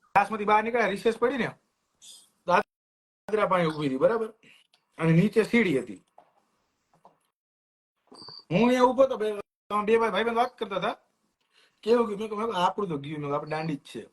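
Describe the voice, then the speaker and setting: His voice sits high, and he talks fairly quickly but with long pauses. As a podcast co-host, this man shares lively childhood anecdotes in casual conversation, performing the lines of classmates and others.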